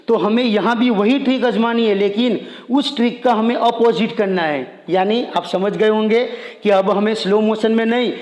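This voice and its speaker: A man teaching grammar step by step, speaking straight to the student in a plain way. He draws example words out in slow motion, then says them quickly. His voice is on the high side, and the room rings with a long echo. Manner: direct and plain, addressing the learner. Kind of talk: explaining a Hindi grammar lesson. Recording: echoey room with long reverb.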